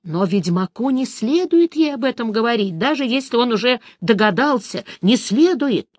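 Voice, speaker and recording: A woman narrating a fantasy audiobook in a steady reading voice. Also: fairly high pitch, moderate pace, no echo, clean studio sound.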